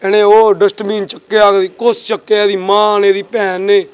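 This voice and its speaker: A man's voice: sits high, level tone, moderate pace, smooth. A man giving reporters an agitated complaint about a neighbour quarrel outdoors. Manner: agitated, retells quarrels with quoted speech.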